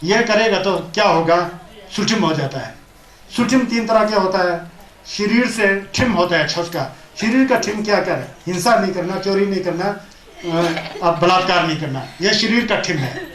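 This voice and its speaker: A man's voice: high voice, lively intonation, moderate pace, a bit bright, slight background noise. A man giving a Buddhist teaching, repeating points and asking rhetorical questions, with Tibetan terms mixed into his talk. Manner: mixes Tibetan terms into Hindi. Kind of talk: Hindi dharma discourse. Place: teaching hall of a Buddhist centre. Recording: roomy echo.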